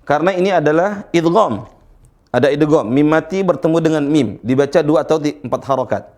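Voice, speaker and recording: A man teaching Quran recitation in a slow lesson, patiently repeating letters and checking that his students follow. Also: a little high, a little mellow. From Indonesia.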